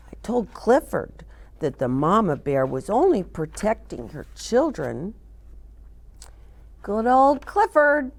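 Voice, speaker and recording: A woman with a rather high voice reads stories aloud and chats with young children as a storyteller and show host. She's lively and sing-song, often asking the kids questions.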